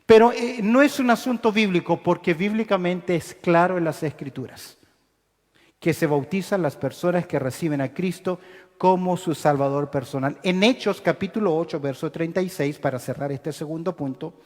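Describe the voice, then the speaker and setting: A male pastor with a notably high voice preaches in an emphatic, teaching way. He keeps pausing on rhetorical questions for the congregation to finish. His voice rings through a church hall with a long reverb tail. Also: darkish tone. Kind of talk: sermon. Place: church sanctuary with baptistery.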